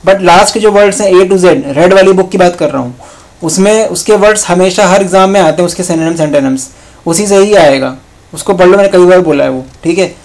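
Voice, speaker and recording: High-voiced Indian man giving study advice. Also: brisk, a little mellow, rough recording. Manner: direct, mixes Hindi and English, keeps saying "okay". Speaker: coaching founder and tutor. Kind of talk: casual advice talk to students.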